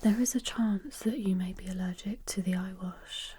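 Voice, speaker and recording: A woman whispering softly as a clinician giving gentle instructions during an ASMR medical exam roleplay. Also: medium pitch, normal speed, a little hiss or hum. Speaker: examining clinician.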